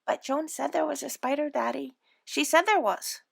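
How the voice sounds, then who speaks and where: A woman's voice: high-pitched, moderate pace, vocal fry, voice pushed up. A woman voicing a frantic, squealing little girl in a storybook reading. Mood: earnest, protesting. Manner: squealing, shrieking.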